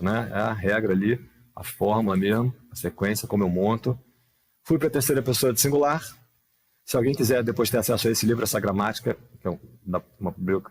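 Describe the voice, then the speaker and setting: In a slightly rough, lowish voice, a man gives a live online lesson on English grammar. He explains patiently, uses many rhetorical questions, and reads the English examples slowly and carefully.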